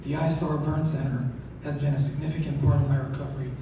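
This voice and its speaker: A soft-spoken man giving an acceptance speech, his articulation slurred as if one side of his mouth is numb. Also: on the high side, little pitch movement, fast talker. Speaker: award recipient. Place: large hall through PA. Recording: echoey hall, distant, noisy ambience.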